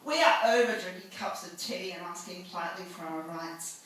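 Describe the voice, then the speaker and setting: A woman performing a spoken-word poem live, defiant, crude and emphatic, now and then rising to shouts. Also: on the low side, brisk, far from the mic, a little hiss or hum. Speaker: poet. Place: live event venue. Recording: echoey room, mic from afar.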